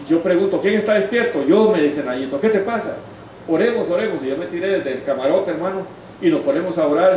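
A man, a pastor telling his testimony from the pulpit with fervent storytelling that swings between loud outbursts and hushed asides. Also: fairly high pitch, far from the mic, a little hiss or hum. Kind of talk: sermon testimony. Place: church hall. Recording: echoey hall, voice off-mic.

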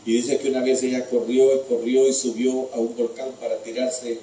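A man's voice: medium pitch, little pitch movement, normal speed, dark tone, a little hiss or hum. A man preaching a sermon as a storyteller, addressing his listeners as brothers. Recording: echoey room from far off.

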